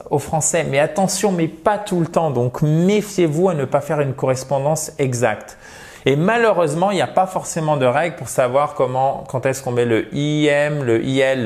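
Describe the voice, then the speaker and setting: A man giving a lively video lesson, speaking straight to viewers and sounding out English words slowly. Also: mid-range voice. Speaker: English teacher.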